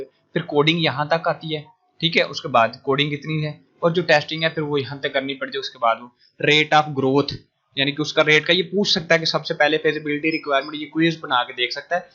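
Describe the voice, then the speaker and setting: A man talks through study material in a casual recorded lecture, his voice bright and forward. He explains step by step, drops in fillers, and slips into English phrases. The sound is dull and lo-fi, like a cheap recording mic. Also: medium pitch. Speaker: tutor. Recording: dull lo-fi audio.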